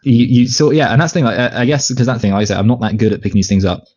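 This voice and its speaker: A man's voice: mid-range voice, rapid-fire, darkish tone. A man co-hosting a movie podcast in casual chat, rambling with many restarts and fillers. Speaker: podcast co-host. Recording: dull lo-fi podcast audio.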